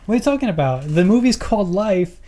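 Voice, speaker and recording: A man's voice: sits high, sing-song, fast, mellow. A man co-hosting a casual podcast, chatting and joking about movies. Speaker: podcast co-host.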